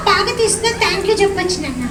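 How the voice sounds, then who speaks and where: Racing along expressively, a puppeteer brings the cheeky boy puppet Andy to life with a high, squeaky voice, chatty and playful as he teases the kids and calls everyone brother. It's a live children's show, picked up from far off in an echoey hall with a noisy crowd.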